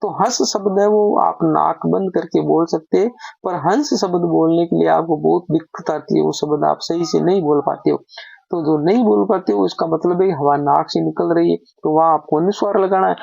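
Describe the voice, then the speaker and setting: Gravelly man teaching grammar. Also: high-pitched, darkish tone, no echo. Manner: patient, asks then answers own questions. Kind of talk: explaining lesson while writing. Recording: dull lo-fi recording.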